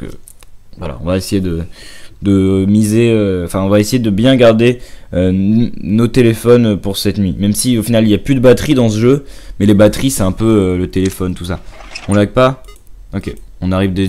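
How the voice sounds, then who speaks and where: A young man giving casual, halting let's play commentary, muttering to himself as he plays. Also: fairly low pitch, warm tone. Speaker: gamer commenting on own play.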